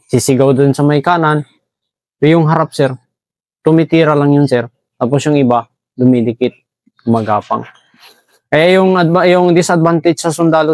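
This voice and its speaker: Brief: soldier man from basilan, respectful and halting, slightly high pitch, dry close sound. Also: a little mellow, dry recording. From Basilan, Philippines. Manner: deferential, says "sir" after nearly every phrase, halting. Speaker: army staff sergeant. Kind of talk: interview answers.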